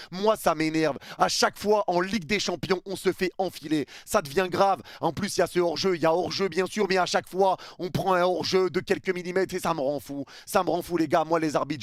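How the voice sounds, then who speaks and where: A man's voice: high voice, no room sound, studio quality. A man giving a heated post-match reaction as a football fan, ranting in exasperation and talking to his viewers in street slang. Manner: slangy, calls viewers brothers.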